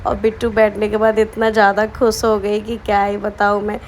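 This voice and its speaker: A woman's voice: mid-range voice, monotone, normal speed. A young woman from Bihar chatting casually to her viewers in a daily vlog, teasing and talking directly to them. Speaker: vlogger. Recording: faint background noise.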